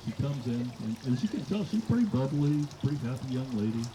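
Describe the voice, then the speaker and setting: As father of the bride, a middle-aged man delivers a casual wedding toast full of folksy stories, performing the quoted dialogue. He speaks quickly in a sing-song, mid-range voice. Background noise from the live event is clearly audible.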